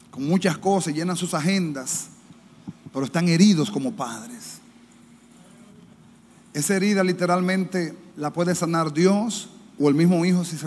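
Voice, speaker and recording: A man with a Dominican Spanish accent preaching a sermon as pastor, impassioned, mimicking the people he quotes in higher, louder voices. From Dominican Republic. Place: church. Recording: reverberant church hall, faint ambience.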